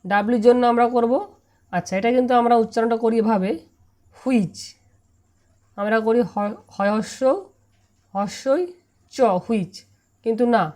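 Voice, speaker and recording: A woman with a Bengali accent teaching English pronunciation in an online lesson, spelling out letters and repeating each syllable slowly. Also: on the high side, steady tone, dark tone.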